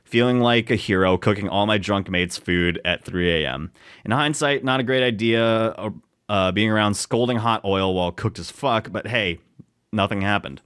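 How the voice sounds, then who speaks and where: Co-host: easygoing New York guy with a lowish voice, reads stories and riffs, jokey, trips over words. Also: moderate pace, fairly bright tone, clear, resonant tone. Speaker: podcast co-host. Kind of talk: casual chat, reading stories aloud.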